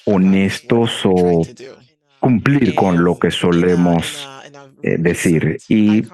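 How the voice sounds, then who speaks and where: A low-voiced man works as a live interpreter for a panel webinar. He delivers the words in short phrases, pausing and then moving on unevenly. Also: darkish tone.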